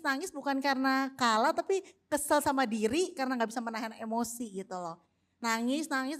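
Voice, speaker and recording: An Indonesian woman in her thirties, telling a family story as testimony in front of a church. Her voice sits fairly high, and she is animated, laughs easily and acts out the quoted lines. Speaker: church speaker sharing testimony. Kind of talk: casual testimony in a church service.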